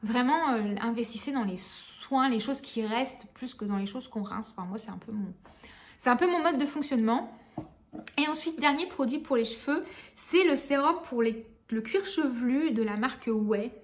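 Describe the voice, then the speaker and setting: A woman's voice: fairly high pitch, animated, moderate pace. Chatty woman reviewing products. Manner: chatty, many fillers and restarts, frank. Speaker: beauty vlogger.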